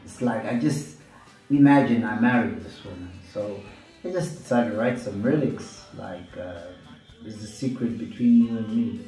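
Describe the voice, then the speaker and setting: A man in his thirties, a musician from Zambia, answering interview questions in a relaxed, unhurried way with fillers. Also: fairly low pitch. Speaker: musician guest. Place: small studio room, indoors. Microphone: studio mic on stand, headphones. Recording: roomy, slightly distant mic with music underneath.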